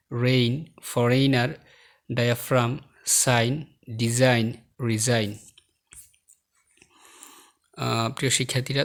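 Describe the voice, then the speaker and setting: An English teacher works through a slide-based lesson, slowly reading example words one at a time and explaining the rules while clicking sounds behind him. His mid-range voice is creaky and a bit bright.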